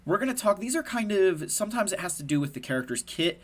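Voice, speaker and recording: A man with a husky, slightly rough voice, sounding a little congested from being under the weather. He explains a game to his viewers step by step in an upbeat, casual way and talks straight to them. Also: sits high, big pitch swings, fast. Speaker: gaming content creator.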